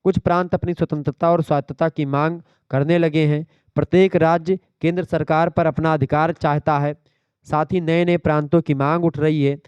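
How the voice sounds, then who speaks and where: A man's voice: on the high side, level tone, moderate pace, darkish tone, clear, resonant tone, no echo. A male teacher giving an exam revision lecture, explaining terms step by step and checking that his students follow.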